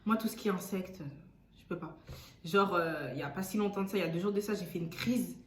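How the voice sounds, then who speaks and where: A woman in her early twenties, chatting casually and laughing as a co-host, in a relaxed, slangy way. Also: lowish voice, quick pace. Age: 20s. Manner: laid-back, laughing, slangy. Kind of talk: casual chat. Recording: echoey room with faint music.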